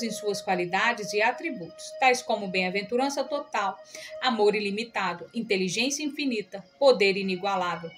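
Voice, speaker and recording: A woman reading an audiobook aloud in a calm, measured narration. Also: medium pitch.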